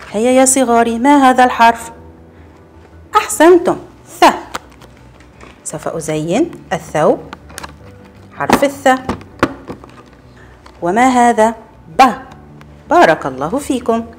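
A woman teaching young children a letter lesson, encouraging them and repeating each sound slowly and clearly. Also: fairly high pitch, sing-song, a little mellow, a little hiss or hum. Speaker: kindergarten teacher.

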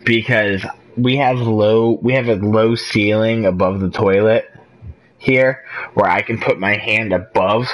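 A man's voice: on the low side, fairly even intonation, measured pace, poor audio. A drunk man chatting casually over a game, rambling and swearing. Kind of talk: casual chat while gaming.

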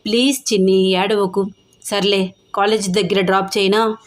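A woman voicing an earnest young businessman who pleads softly and reassures his fiancée in an audio story. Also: medium pitch, little pitch movement, moderate pace, close to an everyday voice. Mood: pleading.

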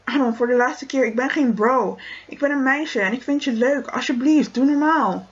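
A woman's voice: high voice, normal speed, dull audio, slight background noise, natural voice. Woman voicing an exasperated teen girl. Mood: pleading. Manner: exasperated, insistent. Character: frustrated teenage girl stuck in the friendzone. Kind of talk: toy-figure film voicing.

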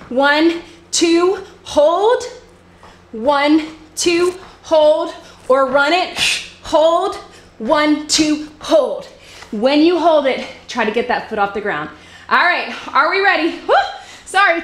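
A woman's voice: high voice, a bit bright, reverberant. A young woman leading a live bodyweight workout as fitness instructor, calling out cues while exercising along and a little out of breath.

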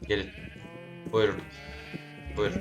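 Man, gameplay commentary, talks to himself, fairly low voice, game music behind. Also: very animated, takes it slowly, vocal fry, muffled recording. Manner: talks to himself while playing, scolds animals and game. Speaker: gaming YouTuber.

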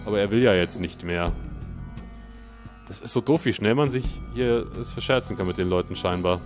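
A man giving casual, joking commentary on a let's play, thinking out loud as he plays. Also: on the low side, moderate pace, faint music behind.

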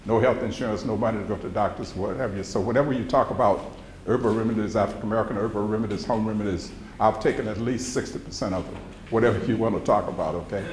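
A man's voice: lowish voice, quick pace, darkish tone. A man in his seventies with a Mississippi accent, giving an informal, folksy public lecture with personal recollections. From central Mississippi, US. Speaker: guest lecturer, retired pharmacology professor. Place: indoor lecture room with seated audience. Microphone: podium microphone. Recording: roomy echo, background noise, live hall.

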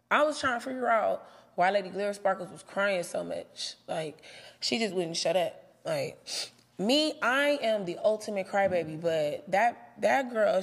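A woman's voice: mid-range voice, long reverb tail. A young woman casually recapping episodes of a reality show for her viewers, brash and sassy and swearing freely. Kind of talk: profane casual commentary to viewers.

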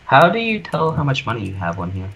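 A man's voice: medium pitch, slight background noise. A man chatting casually while building in a video game, joking and teasing his friend. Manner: joking, quick to tease, lively. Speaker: gamer co-host. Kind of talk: casual gaming chat.

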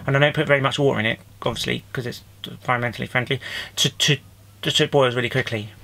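A man's voice: steady tone, quick pace, vocal fry, pushed and bright. A male comedian from the UK talking through a comic lockdown video diary, rambling and restarting his sentences. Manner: rambling, self-interrupting, breaks into high-pitched mock crying.

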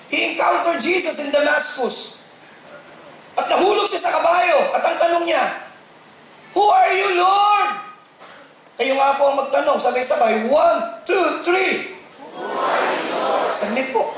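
A middle-aged Filipino man preaching a sermon as pastor, animated and mixing in English, at times rising to shouts. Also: extremely high pitch. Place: large church hall. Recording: very echoey hall with faint noise.

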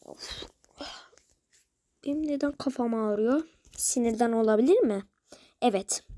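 A woman talks casually to her viewers in a high voice, rambling and grumbling with exasperation. The sound is dry and close, with no room around it. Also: measured pace, mellow, no room sound. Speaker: video creator.

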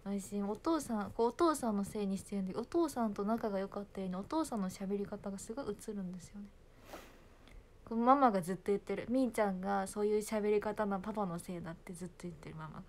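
A woman's voice: medium pitch, fast. A young woman, chatting casually and giggling on a phone livestream. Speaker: idol livestreaming to fans.

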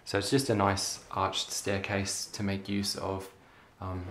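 A young man giving a relaxed, chatty show-and-tell of his hobby build at home, with frequent ums. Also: deep voice, unhurried. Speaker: LEGO hobby vlogger. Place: carpeted room at home. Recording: echoey room, faint noise.

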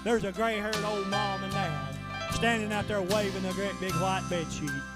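A kindly old preacher, gentle and reassuring, as a man recites him. The voice rides high over soft country guitar. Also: moderate pace, natural voice. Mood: joyful. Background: soft country guitar music.

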